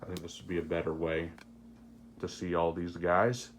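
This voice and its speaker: A man giving a casual, unscripted review as host, with halting, hesitant phrasing. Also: deep voice, completely flat delivery, a little hiss or hum.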